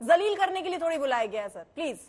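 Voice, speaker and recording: A woman with a high voice anchors a TV news debate from the studio. She firmly steers the panel, cuts in on the guests and puts sharp questions to them. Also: fast talker. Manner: firm, keeps steering and calming guests. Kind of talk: moderating a TV debate.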